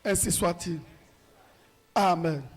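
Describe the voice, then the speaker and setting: A man pastor leading a shouted deliverance prayer at a church service, repeating commanding declarations. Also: high-pitched, takes it slowly, breathy edge, big-room sound.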